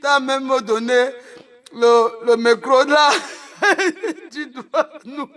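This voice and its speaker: A woman doing joking live-stream banter on a phone, loud and laughing, often breaking into shouts. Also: sits high, extremely slow.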